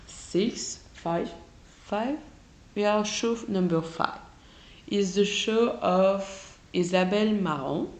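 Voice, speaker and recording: A woman with a French accent, a native French speaker, hosting a solo podcast and often pausing to search for English words. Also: mid-range voice, rough recording. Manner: halting, searches for English words, self-correcting. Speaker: podcast host. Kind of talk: casual solo podcast talk.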